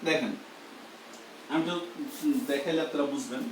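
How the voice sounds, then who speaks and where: A man's voice: mid-range voice, moderate pace, reverberant, distant mic, a little hiss or hum, rough recording. A man teaches a grammar lesson live. He explains step by step and keeps asking whether the class understands.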